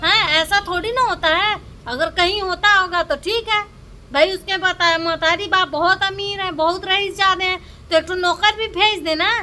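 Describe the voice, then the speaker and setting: Young woman, casual vlog, indignant and complaining, high pitched. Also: fairly even intonation, moderate pace, bright, forceful tone. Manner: aggrieved, complaining, repeats "bhai" often. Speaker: vlogger.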